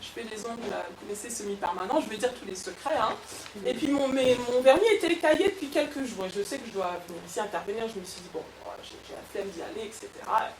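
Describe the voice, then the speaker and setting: A woman coach giving a lively motivational workshop talk to an audience, with frequent restarts. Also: on the high side, quick pace, slight background noise. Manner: lively, animated, with many restarts. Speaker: personal development coach. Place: event room with an audience. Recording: echoey room, far from mic.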